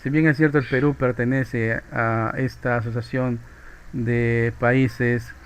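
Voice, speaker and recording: A man's voice: medium pitch, slight background noise, low-quality recording. A man with a Peruvian accent teaching a physics class in a loose, chatty way, often ending phrases with a questioning tag. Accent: Peruvian Spanish. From Peru. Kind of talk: informal classroom lecture.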